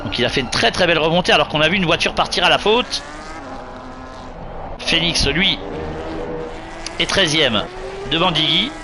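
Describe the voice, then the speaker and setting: Male race commentator, slightly high pitch, running motorsport play-by-play with standings recaps, car noise clearly behind. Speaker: motorsport commentator for an online sim racing league. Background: racing car sounds.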